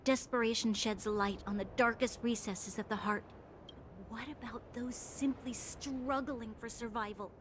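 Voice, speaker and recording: A woman's voice: high voice, a little hiss or hum, close to an everyday voice. A woman playing an earnest, defiant young noblewoman in a dramatic video game scene. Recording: loud game music underneath. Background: dramatic game music.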